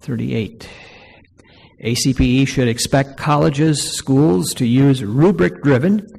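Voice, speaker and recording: Gravelly man presenting in a hall. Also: mid-range voice. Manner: reads each item aloud louder and slower. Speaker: presenter leading a workshop poll. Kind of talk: presenting poll results to an audience. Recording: long hall reverb.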